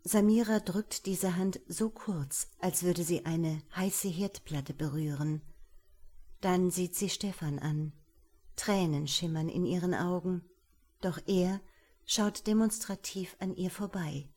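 A woman narrating a suspense audiobook in a measured, hushed manner. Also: lowish voice.

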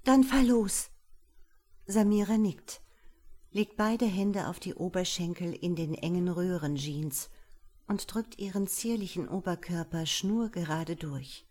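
A woman narrating a suspense audiobook in a measured, hushed manner. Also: on the low side.

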